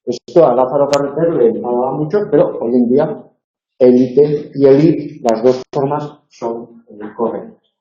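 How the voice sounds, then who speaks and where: Man, university tutor, dark mellow voice, explanatory lecture style, echoey lo-fi room recording. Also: mid-range voice, normal speed. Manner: explanatory, asks for agreement. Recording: echoey room, dull lo-fi sound.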